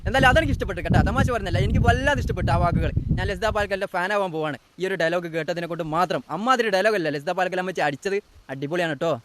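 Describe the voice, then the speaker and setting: Man, reaction host, very rapid sarcastic rant, high voice. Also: a bit bright, a little hiss or hum. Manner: sarcastic, teasing, rapid-fire ranting. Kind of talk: mocking political commentary.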